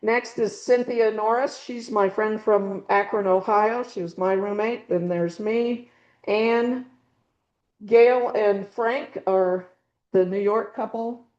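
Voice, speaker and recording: Speaking slowly and steadily, a middle-aged woman presents slides to a small birding club audience in a meeting room, rambling with lots of ums and restarts. Her mid-range voice has a darkish tone, and the recording is muffled, made with a handheld or clip mic whose battery is dying.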